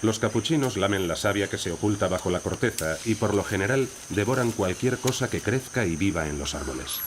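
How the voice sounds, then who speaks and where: A man's voice: fairly low pitch, animated, fairly quick. A man reading scripted narration as the narrator of a nature documentary. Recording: insect and wildlife noise behind voice. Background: rainforest ambience with crickets and insects.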